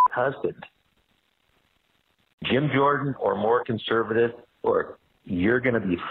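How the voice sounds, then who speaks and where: A man's voice: on the low side, creaky, slight background noise. A man leaving a menacing, threatening voicemail, played back over a tinny phone line.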